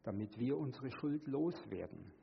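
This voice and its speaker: A man preaching a sermon, earnest, moving between hushed and emphatic delivery. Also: lively intonation, moderate pace, gravelly, highs cut off, slight background noise. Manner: acts out quoted voices with sudden high pitch.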